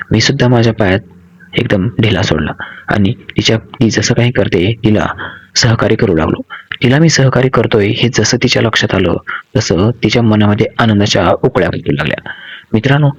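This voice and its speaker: Low-voiced male storyteller. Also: slightly rough, highs cut off. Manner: colloquial, confiding, addresses listeners as friends. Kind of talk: story narration to listeners.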